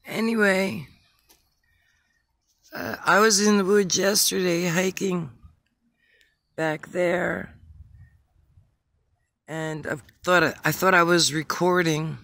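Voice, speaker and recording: A woman vlogging outdoors by a pond, hoarse from allergies, chatty and rambling as she films on a handheld phone. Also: on the low side, steady tone, slow pace, long pauses, fairly bright tone, dry recording. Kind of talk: casual vlog while walking outdoors.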